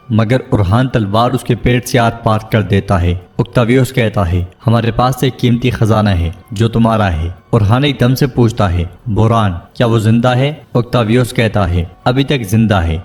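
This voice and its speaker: A man's voice: medium pitch, a little mellow. A man telling an episode recap as scripted narration, reading the characters' lines in his own plain voice. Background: faint background music.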